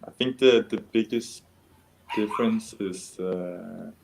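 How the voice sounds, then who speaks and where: A man's voice: on the low side, slow pace, creaky, a little mellow, slight background noise. A young man from Denmark answering interview questions casually, with many fillers and restarts. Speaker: interview guest, goalkeeper.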